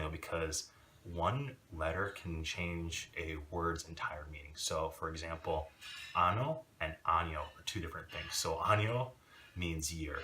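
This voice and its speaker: A man giving a casual video lesson, talking in a relaxed, rambling way with many fillers. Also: rumbling low, recorded from a distance. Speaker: language teacher.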